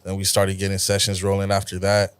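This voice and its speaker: A young man from the Los Angeles area, a rapper, telling stories in a relaxed, slangy, profane way in a casual interview. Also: low voice, fairly quick, clean tone, no echo. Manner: laid-back, slangy, profane storytelling. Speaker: rapper guest.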